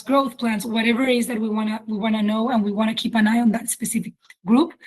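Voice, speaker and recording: In a low-quality recording, a woman with a fairly high voice hosts a webinar presentation as her company's chief executive. Spanish is her first language and she has a Chilean accent, and she explains things informally, with hesitant phrasing.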